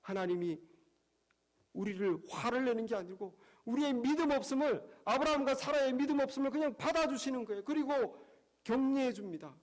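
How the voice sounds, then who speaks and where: A pastor preaching a sermon in church, emphatic and repetitive, often asking rhetorical questions. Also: male voice, very high-pitched, a little fast.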